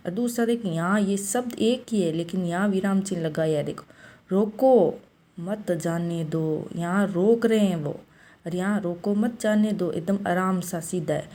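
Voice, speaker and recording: A woman giving a classroom-style grammar lesson, explaining step by step and slowing down to read out example sentences. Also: mid-range voice, dark tone. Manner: explains step by step, often saying "look". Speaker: teacher.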